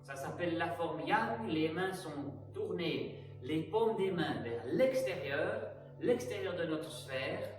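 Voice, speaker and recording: High-voiced man guiding aikido exercises. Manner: calm, measured cues for breathing and movement. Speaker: aikido instructor. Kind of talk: guided exercise instruction. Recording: very echoey room, distant mic, faint music.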